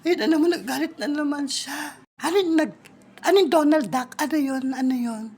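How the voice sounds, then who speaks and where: A woman talking in a playful, teasing comic skit with quick back-and-forth. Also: high voice, a little mellow. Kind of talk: comedic skit with several voices.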